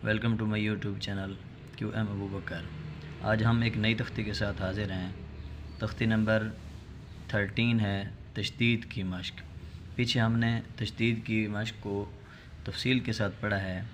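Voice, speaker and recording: A man with a low voice and a Pakistani Urdu accent gives a Quran reading lesson. He draws out the syllables in a slow, loud chant, then rattles through short explanations. His delivery stays fairly flat, over a faint hiss in the background. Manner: chants syllables slowly and loudly, explains quickly in between. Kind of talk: recitation lesson.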